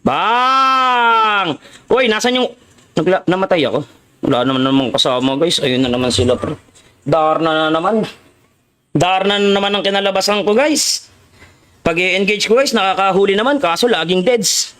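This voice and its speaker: A man's voice: high voice, expressive, normal speed, a bit bright. A man with a Filipino accent giving playful, teasing commentary while live-streaming a game and greeting his viewers.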